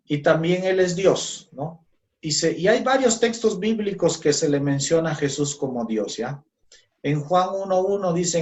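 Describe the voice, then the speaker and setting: A man teaches a Bible class in a slow, unhurried way, with a voice that sits a little high for a man. He keeps checking in with the class as he goes. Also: a little mellow. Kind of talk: Christology class.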